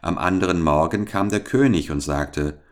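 A man reading a fairy tale aloud for children in a calm, measured storytelling manner. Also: deep voice.

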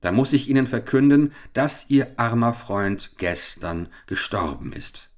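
A man voicing a scheming English police captain who talks overly loud and wails theatrically. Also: mid-range voice, animated, measured pace, pitched above the performer's own voice, natural voice. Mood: wailing.

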